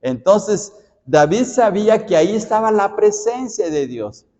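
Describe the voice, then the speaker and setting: A man's voice: high voice, very animated, a little slow, warm tone. A male pastor with a Mexican accent leading a Bible study, talking conversationally, repeating words and often checking in with the congregation. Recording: dull sound with long hall reverb.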